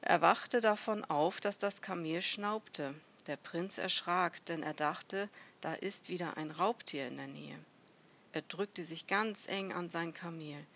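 A woman reading a children's story aloud in a measured, gentle storytelling manner. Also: lowish voice, a little hiss or hum.

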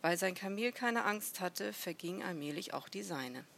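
A woman reading a children's story aloud in a measured, gentle storytelling manner. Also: lowish voice, expressive, gravelly, a little hiss or hum.

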